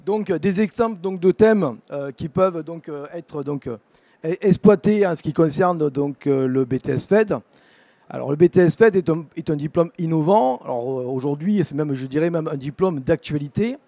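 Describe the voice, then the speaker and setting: A man's voice: fairly high pitch, animated, moderate pace, dark tone, no room sound. A middle-aged man with a southern French accent giving a conference talk about a vocational program, hesitant and full of filler words and restarts. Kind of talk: conference talk at an education fair.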